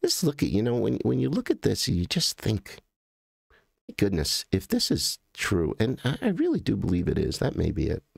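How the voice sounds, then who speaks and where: A man's voice: medium pitch, wildly swooping pitch, fairly quick, vocal fry, few pauses, a little mellow, husky, no echo, studio quality. An American man hosting a livestream, rambling and correcting himself as he thinks aloud while clicking through images. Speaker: livestream host. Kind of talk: casual livestream commentary.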